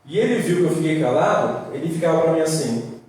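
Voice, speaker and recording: A young-adult man with a Brazilian accent preaching a sermon, lively and swinging between loud and soft. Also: on the high side, a little fast. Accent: Brazilian Portuguese. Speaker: pastor. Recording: roomy echo, distant mic.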